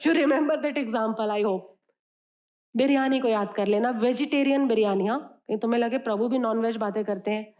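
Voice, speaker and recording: High-pitched woman teaching scripture, lively and expressive, slips into english phrases. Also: moderate pace. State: sore throat. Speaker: spiritual teacher. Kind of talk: explaining scripture to students.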